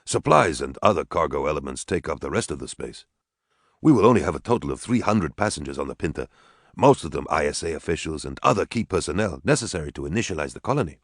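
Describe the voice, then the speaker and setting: A male narrator voicing a measured, precise husband who talks in formal jargon. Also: a bass voice, sing-song, dry recording, clean studio sound, full character voice. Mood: calm. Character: calm, formal husband, a colony historian.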